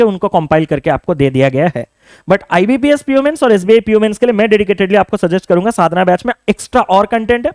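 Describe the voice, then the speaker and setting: Earnest high-voiced male exam coach. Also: darkish tone, no room sound. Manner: earnest, urging, addresses students directly with rhetorical questions. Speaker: online exam coaching educator. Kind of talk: direct-to-camera coaching talk.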